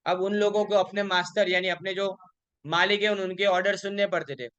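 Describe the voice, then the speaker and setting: A man with a high voice lectures through exam revision. His tone is bright and clear. He puts a question to the class and answers it himself, and he slows down to read out English examples. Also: fairly even intonation, dull audio. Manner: explains in mixed Hindi and English, asks questions and answers them himself; reads English examples slowly. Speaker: college lecturer.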